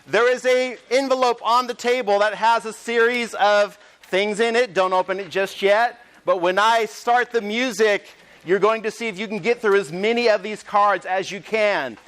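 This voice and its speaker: A man presenting a hands-on teacher training workshop, upbeat and energetic as he demonstrates to a room of teachers. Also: high voice, moderate pace. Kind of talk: live teacher training session. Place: conference room with audience.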